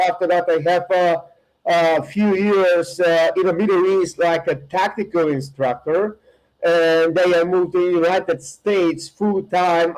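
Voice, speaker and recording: A middle-aged man with a Bulgarian accent, a guest in a casual podcast interview, speaking haltingly with many fillers and restarts. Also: sits high, a little mellow, rough recording. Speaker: guest, firearms instructor.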